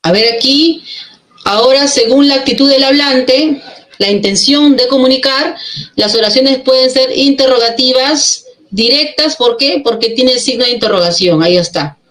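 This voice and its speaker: A woman's voice: high voice, normal speed, fairly bright tone. Echoey-voiced woman teaching grammar. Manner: explains step by step, asks checking questions. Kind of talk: classroom grammar lesson. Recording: echoey room.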